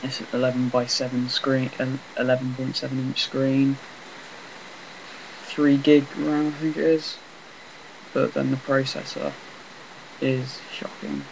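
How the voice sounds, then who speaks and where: A man casually rambling through commentary on a game he is playing, talking in a flat, self-deprecating way on a laptop mic. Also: mid-range voice, measured pace, creaky, pauses often, a little hiss or hum, poor audio. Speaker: gameplay commentator.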